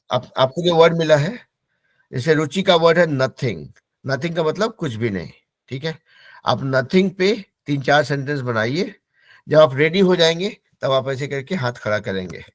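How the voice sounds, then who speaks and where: A man with a mid-range voice leads an online class, patiently running an English vocabulary drill. He says each word slowly and repeats it for pronunciation practice. No room sound can be heard.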